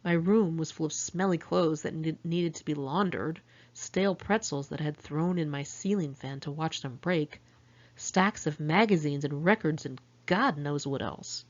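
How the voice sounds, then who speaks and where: In this muffled recording, a deep-voiced woman at a moderate pace reads her own first-person memoir like diary storytelling. She's middle-aged, from California in the United States, and her delivery is frank and wry, laced with sardonic asides.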